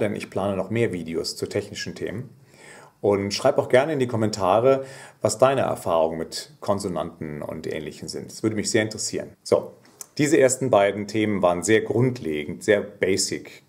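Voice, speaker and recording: Male singing teacher, lower register, patient explainer who breaks into sung examples. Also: darkish tone. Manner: explanatory, sings short demonstration phrases. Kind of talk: voice lesson.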